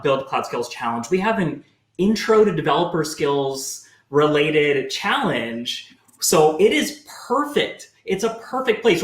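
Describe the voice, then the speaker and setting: A man's voice: fairly high pitch, a bit bright. A man co-hosting a live show, talking in a chatty, encouraging way with lots of fillers and restarts. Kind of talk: casual live-show chat. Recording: echoey room.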